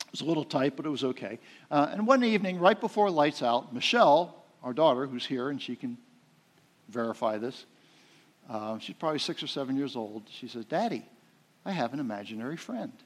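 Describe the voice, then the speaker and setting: Middle-aged guy preaching, folksy story style, lots of uh's, goes loud then quiet. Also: medium pitch, expressive, brisk. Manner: folksy storytelling, swings loud and soft, frequent uh fillers. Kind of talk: sermon with personal story.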